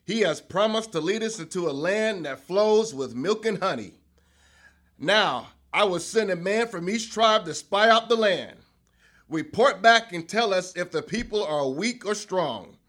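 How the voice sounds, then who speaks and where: A man playing Moses in a children's Bible skit, proclaiming loudly to a crowd. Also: high-pitched, expressive, measured pace. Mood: rousing. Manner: loud, proclaiming speech to a crowd. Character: Moses, bold male leader addressing his people.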